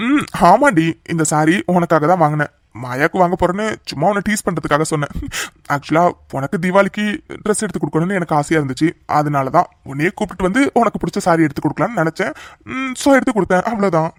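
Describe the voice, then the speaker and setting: A man voicing a fast, coaxing cartoon sweetheart. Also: sits high, expressive, dry recording. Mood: teasing. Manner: coaxing, affectionate and teasing. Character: doting young man comforting his sweetheart. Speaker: male lead of a cartoon love story. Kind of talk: cartoon voice acting.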